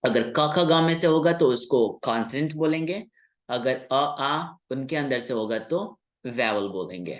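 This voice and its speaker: A man whose first language is Hindi, teaching English sounds in a patient classroom explanation, repeating key words slowly. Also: mid-range voice.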